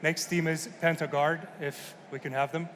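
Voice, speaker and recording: A male host makes informal stage announcements in a croaky, froggy voice, sounding under the weather. His pitch is slightly high and moves little. There is faint noise around him. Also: fairly even intonation, moderate pace. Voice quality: croaky, frog-like voice. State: ill, croaky voice. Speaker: event host.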